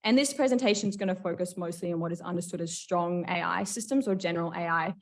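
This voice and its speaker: A woman presents a paper at a conference, her voice slightly low and picked up from a distance in a function room. She talks casually, padding her points with fillers. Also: fast. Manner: casual, frequent fillers like "like" and "sort of". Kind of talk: academic conference talk.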